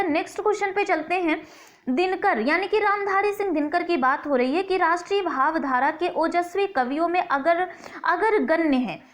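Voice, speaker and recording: Woman, very high voice, teacher, exam-prep lesson, step-by-step explaining, slow careful sounding-out of words. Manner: explains step by step, repeats words slowly to stress pronunciation.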